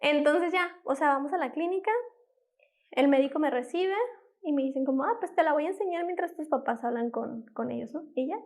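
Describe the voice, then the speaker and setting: A woman's voice: high-pitched, a little fast. A woman in her twenties telling her own story as a former patient in an interview, acting out the quoted dialogue and talking with many fillers and self-corrections. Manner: lively retelling that acts out quoted dialogue. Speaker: former patient giving a testimony. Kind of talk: personal testimony in an interview.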